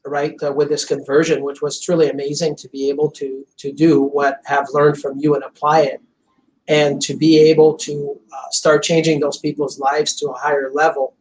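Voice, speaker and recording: This chiropractor, a French-speaking native of Montreal, Canada, talks at normal speed in a voice on the high side during a video-call interview with poor audio. His delivery is flat yet earnest and intense, with many "you know" fillers.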